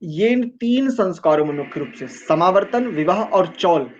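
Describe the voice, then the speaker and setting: A man teaching an online scripture class, explaining mantras and chanting them slowly, correcting pronunciation syllable by syllable. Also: high-pitched, lively intonation, lo-fi sound, a little hiss or hum. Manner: slow, drawn-out chanting of mantras between explanations. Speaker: Vedic teacher.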